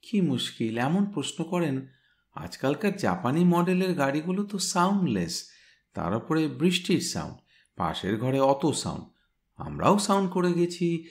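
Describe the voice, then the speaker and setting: A man reading a story aloud, voicing a smart young woman who briskly recounts a crime scene. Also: a little high, big pitch swings, pitched above the performer's own voice. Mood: animated, brisk.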